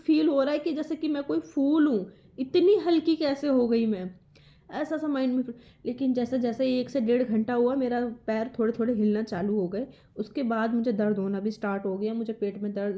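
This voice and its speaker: A young woman telling a personal story in a vlog, emotional and halting, often restarting her words. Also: fairly high pitch, dark tone, dull audio. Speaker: vlogger.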